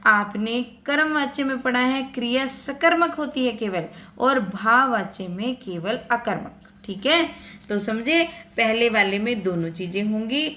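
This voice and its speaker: A woman's voice: a little high, fairly bright tone. Hindi teacher woman explaining grammar. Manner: patient, addresses students directly, repeats points. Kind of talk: explaining a worksheet lesson.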